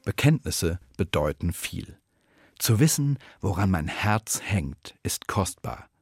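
Low husky guy preaching, tells the story with lots of rise and fall. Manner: storytelling, with lively emphasis and slow pauses. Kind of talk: devotional retelling and reflection.

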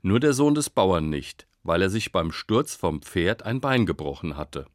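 Calm low-voiced man giving a devotional. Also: no room sound, studio quality. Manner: calm, measured storytelling. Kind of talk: short radio-style devotional reflection.

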